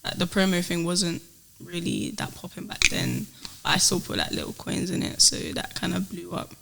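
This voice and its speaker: Bright, gravelly young woman. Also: fairly low pitch, moderate pace, slight background noise. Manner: relaxed storytelling with slang and fillers. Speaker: podcast guest, food business owner. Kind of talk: casual podcast chat.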